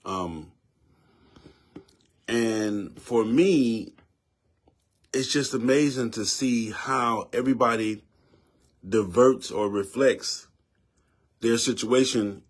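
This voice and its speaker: A man's voice: medium pitch, slow pace, pauses often. A man in his fifties with a Southern US accent, giving his opinion in a casual, preachy way and repeating words for emphasis. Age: 50s. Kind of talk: casual spoken commentary.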